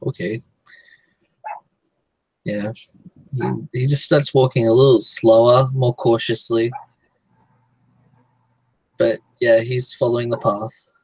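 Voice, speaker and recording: A man's voice: mid-range voice, flat delivery, slow pace, pauses often, husky, dry recording, rough recording. A man playing a tabletop role-playing game, speaking casually both as himself and in character.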